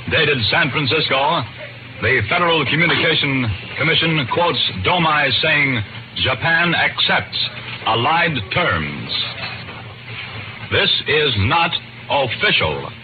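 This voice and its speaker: A man's voice: a little high, phone-quality sound, noisy background. 1940s newsman reading wire bulletins, band-limited radio. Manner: formal, deliberate repetition of each phrase. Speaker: radio network newsroom announcer. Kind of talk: 1940s news wire bulletin, urgent repeated flashes.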